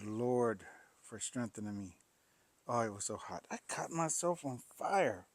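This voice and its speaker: A man's voice: medium pitch, no room sound. Rambling folksy man in his shop. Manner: rambling, folksy, frequent sighs and coughs. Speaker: pastor and welder, channel host. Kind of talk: casual shop vlog. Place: workshop.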